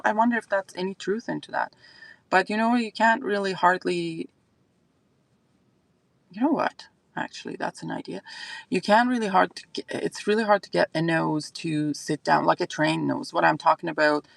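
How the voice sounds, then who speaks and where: A woman from Iran, an Azeri native speaker with an Iranian accent, hosts a fragrance channel livestream, chatting casually and thinking aloud with many fillers. Her voice is deep and gravelly, and the recording is dry.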